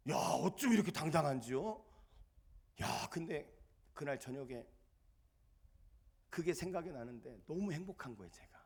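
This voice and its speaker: A male pastor preaching a sermon in a church, animated and emphatic as he tells stories. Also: fairly high pitch, normal speed, creaky, long pauses, breathy edge.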